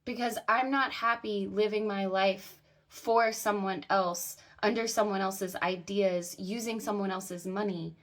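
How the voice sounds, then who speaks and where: A woman's voice: medium pitch, steady tone, measured pace, fairly bright tone. A woman in her thirties from the American South, talking bluntly to camera about her own life and swearing freely. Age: 30s. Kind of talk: candid personal monologue to camera.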